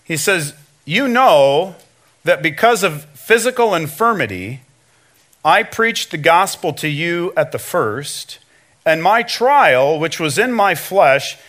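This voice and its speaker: A man's voice: on the high side, big pitch swings, slow pace, fairly bright tone. A man giving a conversational sermon as a substitute pastor in a church, full of "you know" and "right?" asides, acting out quoted lines. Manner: acts out quoted lines in shifting voices.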